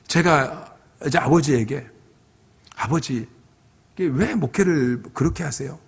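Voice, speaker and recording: A man's voice: on the high side, vocal fry, breathy edge. A middle-aged male pastor giving a revival sermon as a personal testimony, telling his story earnestly and acting out his own past pleas. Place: church sanctuary. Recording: long hall reverb.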